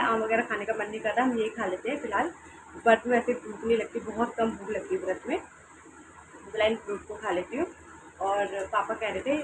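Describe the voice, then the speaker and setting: A young woman narrating her day in a casual home vlog, hoarse and tired, rambling softly and repeating herself. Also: medium pitch. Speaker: vlogger. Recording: noisy home recording.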